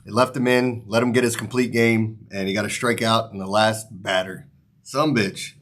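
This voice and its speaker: A man's voice: fairly low pitch, fairly even intonation, normal speed, fairly bright tone. Casual male sports host, slightly numb-mouthed. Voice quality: slightly off articulation, as from a numb mouth after the dentist. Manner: informal, rambling, mild swearing. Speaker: sports betting show host. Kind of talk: casual sports picks commentary, straight to viewers.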